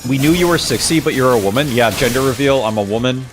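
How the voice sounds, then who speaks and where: Young male streamer, excitable, jokey banter with chat, faint music under. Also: medium pitch, fast talker. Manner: excitable, joking, talks back to chat. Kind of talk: casual live-stream banter.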